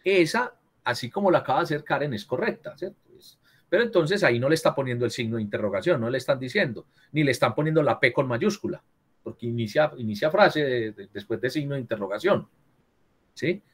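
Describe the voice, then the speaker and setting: A man with a husky, mid-range voice teaches writing over a video call, speaking fast and expressively. In this virtual class he corrects students and checks in frequently, asking "¿cierto?" over and over.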